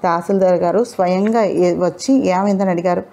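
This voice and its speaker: Mellow-voiced woman narrating a novel. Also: on the low side, a little fast. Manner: steady, even storytelling.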